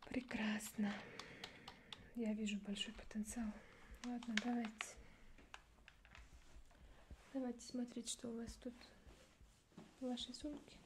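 A young woman in a barely audible ASMR role-play as a gruff, disdainful border guard, muttering sardonically. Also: a little high, flat delivery, slow, pauses often, noisy background. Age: young adult. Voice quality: soft soft voice, mostly unvoiced, barely audible. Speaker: ASMR performer playing a border officer. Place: small dark indoor studio setup.

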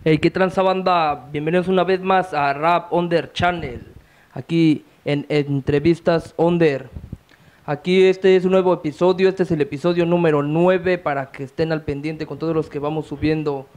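A man's voice: on the high side, a little mellow. A young man hosting a casual interview in a small music studio. He asks questions with many hesitant fillers, speaking into a handheld mic. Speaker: interview host.

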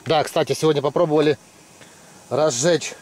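A middle-aged man who vlogs about fishing chats from an ice-fishing tent, lively and joking as he ribs his buddies. He speaks at a moderate pace in a slightly high voice.

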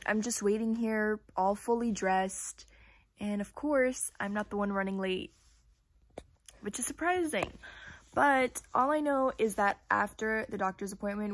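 A teenage girl talking casually to her viewers in a day-in-my-life vlog, chatty and full of fillers, recorded in her bedroom on a camera in front of her. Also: medium pitch. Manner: chatty, filler-heavy, addresses viewers directly. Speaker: vlogger. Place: bedroom at home, indoors.

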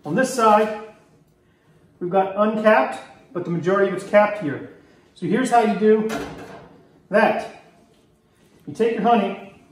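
A man's voice: high-pitched, recorded from a distance. Man explaining honey work in an echoey room. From Maryland, US. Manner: relaxed, explanatory, pauses while working. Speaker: beekeeper demonstrating honey harvest. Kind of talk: hands-on how-to demonstration. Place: indoor workroom, hard surfaces. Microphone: camera mic from a few feet away.

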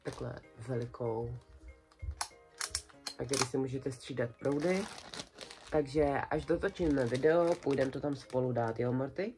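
A young adult woman with a notably low voice vlogs from a small decorated bedroom, casually chatting about her haul. Speaking in a relaxed, colloquial way and pausing often, she shows each new purchase one by one to a camera set close on her desk. Faint music plays softly in the background.

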